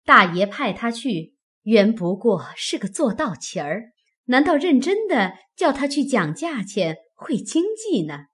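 Guy putting on a high sharp-tongued rich young lady, teasing and cutting, swoopy voice. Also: big pitch swings, unhurried, breathy edge, exaggerated voice. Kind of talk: audiobook character voice.

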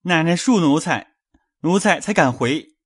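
A woman voicing a frightened young male servant who pleads and hurries through his confession in a lowered voice. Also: expressive, unhurried, breathy edge, full character voice. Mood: cowering, pleading.

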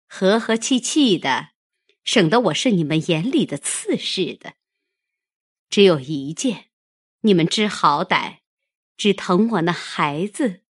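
Bitter sickly young noble lady done by a woman reading, cutting and scornful, husky, swoops up and down. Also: on the low side, expressive, takes it slowly, pauses often, no echo, studio quality, full character voice. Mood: mocking. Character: proud ailing young noblewoman, sharp-tongued, bitter. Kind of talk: audiobook character reading.

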